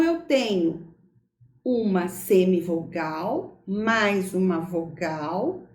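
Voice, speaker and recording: A woman teacher giving a recorded school lesson, speaking slowly and stressing words carefully for young pupils. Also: on the high side, a little mellow, echoey room.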